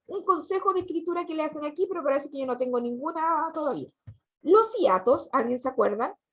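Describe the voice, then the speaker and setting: A woman's voice: high voice, fairly bright tone. A woman, teaching a class patiently, asking questions and repeating students' answers. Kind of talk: online class lesson. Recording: dull lo-fi recording.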